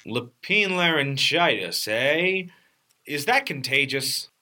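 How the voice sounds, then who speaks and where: A man playing a bumbling, overconfident robot-hunting detective in an animated comedy, with an officious, self-assured deadpan. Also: medium pitch, takes it slowly, music in the background. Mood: officious, smug.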